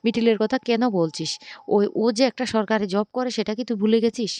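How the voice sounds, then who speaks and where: A woman's voice: fairly high pitch, a little fast, darkish tone, no room sound, lightly acted. Woman doing a firm, protective mother. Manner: firm, assertive.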